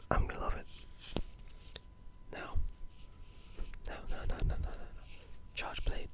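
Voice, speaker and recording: Speaking a little slowly, a video creator whispers unvoiced and breathy through laid-back, meandering gaming commentary for ASMR, clearly enthusiastic about it.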